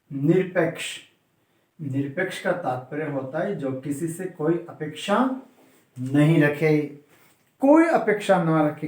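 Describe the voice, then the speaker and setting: In a room with noticeable echo, a man teaches grammar in a somewhat high, darkish voice. He's emphatic, repeating key words and dragging them out slowly, and he keeps asking the class questions and then answering them himself.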